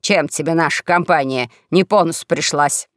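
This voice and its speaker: A man voicing a gruff, hot-tempered bald old swindling preacher who grumbles and curses readily. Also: a little high, moderate pace, a bit bright, no room sound, clean studio sound, voice pushed down, lightly acted. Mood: angry.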